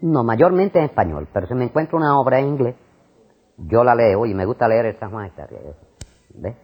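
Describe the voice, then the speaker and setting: Lively older Puerto Rican man. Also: mid-range voice, fairly quick, breathy edge. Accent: Puerto Rican Spanish. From Puerto Rico. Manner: animated and discursive, repeats words, frequent fillers. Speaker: interviewee, retired school principal. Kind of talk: casual conversation. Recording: muffled lo-fi recording.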